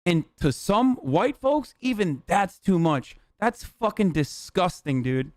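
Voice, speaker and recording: A man's voice: high-pitched, big pitch swings, takes it slowly, no echo, clean studio sound. A male livestream host on a heated, profane rant, talking angrily and with heavy emphasis.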